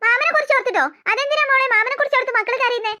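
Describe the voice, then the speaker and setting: A woman's voice: very high-pitched, rapid-fire, bright, forceful tone, exaggerated voice. A woman voicing a greedy, spiteful old grandmother in a cartoon, gossiping and scheming over family money. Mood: fussing.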